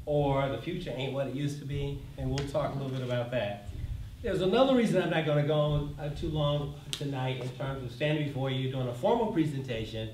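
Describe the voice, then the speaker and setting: An older man, a college president, giving a relaxed, conversational address to students, joking and using many fillers. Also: mid-range voice. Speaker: community college president, guest speaker. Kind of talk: informal lecture address. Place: lecture hall with an audience. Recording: echoey hall, mic from far off, faint noise.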